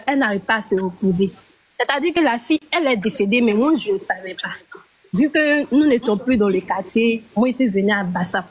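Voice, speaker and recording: A woman's voice: fairly high pitch, low-quality recording. A woman calling in by phone, telling a story hesitantly and restarting her phrases. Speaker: caller.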